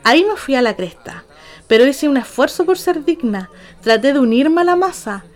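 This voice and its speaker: High-voiced Chilean woman telling a story. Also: normal speed. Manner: animated and slangy, acts out quotes. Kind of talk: casual storytelling.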